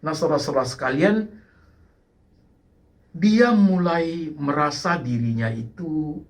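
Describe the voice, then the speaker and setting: A man preaching a sermon, repeating phrases and calling out to the congregation, sliding now and then into English words. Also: a little high. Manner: mixes English words into his speech. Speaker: pastor.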